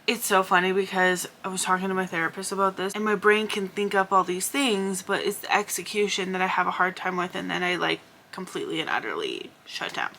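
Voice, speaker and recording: A woman's voice: medium pitch, little pitch movement, brisk, few pauses, pushed and bright, slight background noise. A young woman talking casually in a vlog, rambling and thinking aloud with lots of fillers. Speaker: vlogger.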